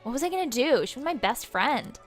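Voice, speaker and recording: In a comic vlog monologue for a comedy web series, a young woman voices a bubbly ghost who talks about her afterlife in slangy, flippant valley-girl fashion. Her voice sits high and sing-song, moving fairly quickly, with soft music in the background.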